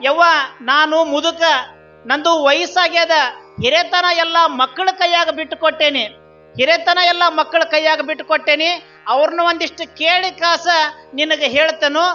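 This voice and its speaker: A man's voice: very high voice, fairly even intonation, moderate pace, pushed and bright, voice pushed up, exaggerated voice. A man with a North Karnataka accent playing a tearful old landlord who pleads over and over, in a repetitive, begging manner. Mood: pleading. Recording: slightly dull, faint Carnatic music.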